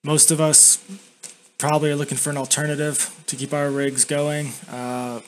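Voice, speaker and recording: A young man giving a casual, blunt, sweary software review, talking with tobacco dip tucked in his lip. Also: on the high side, level tone, moderate pace, low-quality recording. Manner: talks with a lip full of dip. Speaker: YouTube reviewer. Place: indoors at a home computer. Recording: constant background noise.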